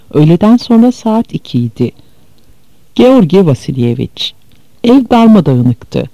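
A man giving a measured, grave scripted narration of a memoir as an audiobook reader. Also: a little high, mellow, dry recording, dull audio.

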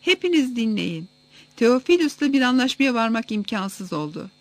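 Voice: mid-range voice, fast, soft background music, natural voice. A reader voicing a stern male temple leader who gives orders to a crowd in an audiobook. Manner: stern, proclaiming. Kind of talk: audiobook reading.

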